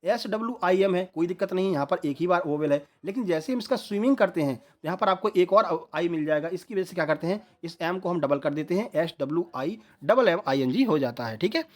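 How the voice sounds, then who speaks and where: Man, high pitch, exam prep teacher, spells out letters, keeps checking in. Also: lively intonation, quick pace, few pauses. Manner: explains step by step, spells words out letter by letter. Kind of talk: online lesson.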